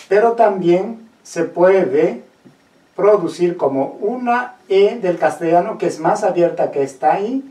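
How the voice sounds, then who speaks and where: Slow-speaking teacher in an echoey room. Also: mid-range voice, warm tone, recorded from a distance. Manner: slow, deliberate, checks understanding with questions. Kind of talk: classroom lecture on phonetics.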